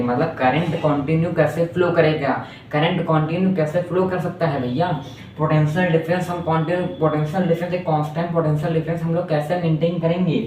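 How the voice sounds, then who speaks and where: A man's voice: on the high side, darkish tone. A male physics teacher giving a lecture, repeating phrases and asking the class rhetorical questions. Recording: echoey distant room mic with faint noise.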